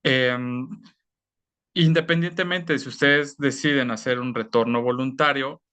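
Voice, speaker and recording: Man, bright forceful tone, careful webinar explainer, video call audio. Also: medium pitch, fairly even intonation, unhurried, clear, resonant tone. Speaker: presenter at an online information session.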